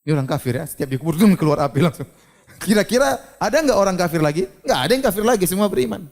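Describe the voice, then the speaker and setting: A man giving a religious lecture, animated and questioning, who asks his audience questions and acts out scenes. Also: sits high, very fast. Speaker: preacher.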